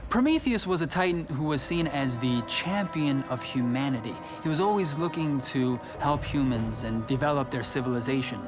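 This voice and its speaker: A man's voice: medium pitch, expressive, moderate pace, few pauses. A man giving explanatory, storytelling commentary as a documentary interviewee. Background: music.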